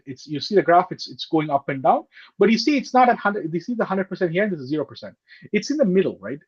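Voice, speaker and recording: This computer course instructor has a high, husky voice and teaches a live online class over a video call. He explains each step and keeps asking "okay?" and "right?". The sound, picked up by a laptop or headset mic, is muffled like typical video call audio.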